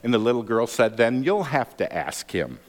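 A man preaching a sermon, telling stories with lively acted-out quotes. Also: moderate pace. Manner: animated storytelling, acts out quotes with raised pitch. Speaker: pastor. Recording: long hall reverb.

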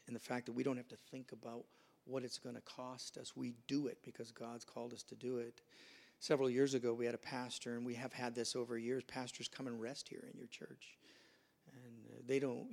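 A male pastor preaches to his congregation in a church, telling stories and acting out the people in them. His voice is gravelly and sits at an ordinary pitch, neither high nor low. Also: a little mellow. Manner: storytelling, acts out quoted voices. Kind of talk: sermon. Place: church sanctuary.

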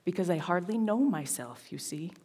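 A woman's voice: on the low side, lively intonation, moderate pace, dark tone, slightly rough. A woman voicing a shy, polite young girl who speaks hesitantly and apologetically, as in a storybook reading.

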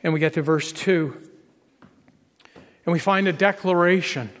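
A man's voice: on the high side, measured pace, fairly bright tone, long reverb tail. A man preaching a sermon as a pastor, earnest and conversational, building up to emphatic peaks on key phrases.

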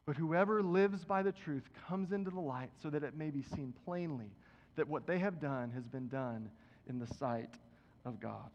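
A man's voice: a little high, moderate pace, darkish tone. A man preaching a sermon, reading scripture aloud and talking to the congregation in a casual way. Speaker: pastor. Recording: dull, reverberant hall.

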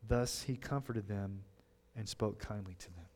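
A male pastor preaching an expository sermon, shifting between loud emphatic points and quiet asides and asking the congregation rhetorical questions. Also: on the low side, a little slow. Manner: conversational, explaining scripture with rhetorical questions.

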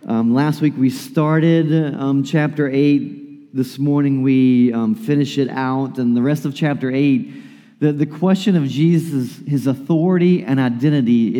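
A tired male pastor preaching in a church with a long, ringing reverb. His voice is mellow and darker in tone, and he talks casually, with fillers and restarts, like a friendly chat from the pulpit. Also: medium pitch. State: tired, yawning. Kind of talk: sermon.

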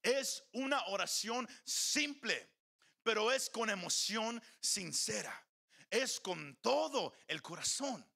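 High, bright-voiced earnest male preacher. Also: animated, slow, creaky, slightly rough. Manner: earnest, repeats words, mixes in English. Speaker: pastor. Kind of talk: sermon. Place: church.

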